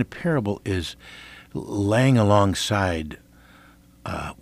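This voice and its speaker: A man's voice: deep voice, breathy edge. An American man preaching conversationally on the radio, reading scripture and repeating key phrases with emphasis. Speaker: preacher hosting a radio teaching program.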